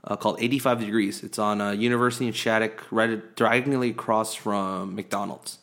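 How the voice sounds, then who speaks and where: A man's voice: fairly low pitch, steady tone, fairly quick, a bit bright. A man co-hosting a sports podcast in casual chat, rambling and chatty with many fillers and restarts. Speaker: podcast co-host.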